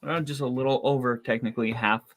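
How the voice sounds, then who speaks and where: A young man hosting a casual live football watch-along podcast, chatty and excitable, saying he is losing his voice. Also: mid-range voice, fast, a little hiss or hum. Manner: chatty, excitable, rising to loud disbelief at plays. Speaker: podcast host doing live game watch-along commentary. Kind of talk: casual play-by-play chat.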